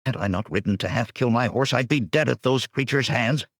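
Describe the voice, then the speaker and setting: A man's voice: medium pitch, breathy edge, no room sound, clean studio sound, voice pushed up. A man voicing a nervous, shifty male bandit tracker who talks defensively and in a rush. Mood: fearful. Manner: defensive, hurried.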